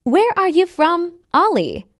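A woman reads a simple English dialogue for learners, enunciating carefully and repeating every line. Her very high voice swoops wildly in pitch at a slow pace. The recording is dry, with clean studio sound.

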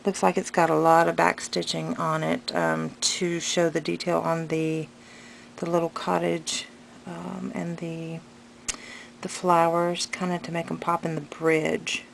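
A woman's voice: deep voice, unhurried. A woman chatting casually as a craft vlogger, hesitant and rambling but enthusiastic, her articulation slightly impeded by a tongue piercing. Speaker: craft vlogger and pattern seller. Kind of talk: casual unscripted show-and-tell chat. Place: indoors at a craft table at home. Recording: clearly noisy home recording.

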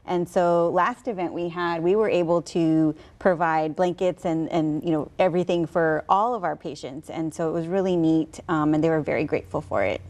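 A woman's voice: low voice, steady tone, moderate pace, few pauses, darkish tone. A woman in her thirties, a hospice representative chatting as a guest in a TV studio, with many fillers. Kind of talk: TV studio interview. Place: local TV news studio, on a couch. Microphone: lapel mic.

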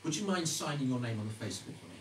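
Male magician, chatty card-trick patter, animated intonation, distant noisy live recording. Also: mid-range voice, very fast, echoey room. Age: middle-aged. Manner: chatty, teasing, questioning asides to audience. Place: indoor stage before a small live audience. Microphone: distant audience camera.

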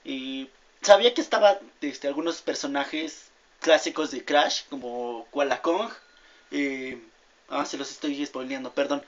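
A young man giving rambling gameplay commentary, easily distracted and yelling when things go wrong. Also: mid-range voice, a little slow. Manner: rambling, easily distracted, shouts at game mishaps. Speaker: gamer. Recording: dull lo-fi audio with loud game music.

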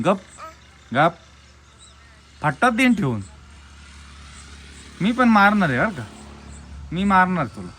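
A woman's voice: lowish voice, fairly bright tone, a little hiss or hum. A young woman talking to her baby daughter in coaxing baby talk, repeating short phrases in a sing-song way.

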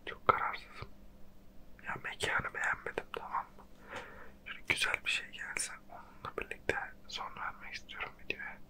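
A person speaking in a breathy close whisper, casually commentating on a geography guessing game in a slangy, self-mocking way. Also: moderate pace. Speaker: host. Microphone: close microphone.

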